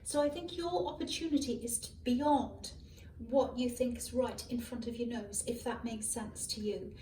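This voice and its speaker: Giving a casual tarot reading to camera, a hoarse adult woman speaks at normal speed in a fairly high, mellow voice, wandering through her thoughts with lots of ums and self-corrections. A faulty microphone sits at a distance in an echoey room, and faint traffic passes outside.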